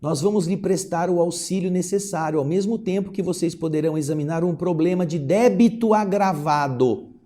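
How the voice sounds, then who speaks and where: A man voicing a composed male spirit guide who explains things in a measured way. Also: high voice, dark tone, natural voice. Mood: calm.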